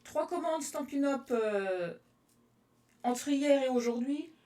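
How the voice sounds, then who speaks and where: A fairly high-voiced woman from France walks through a card-making project live and answers viewers by name as she works. She sounds relaxed and chatty. Her voice carries a roomy echo and sits a little away from the mic. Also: slow, distant mic. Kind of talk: casual crafting demonstration, chatting with viewers.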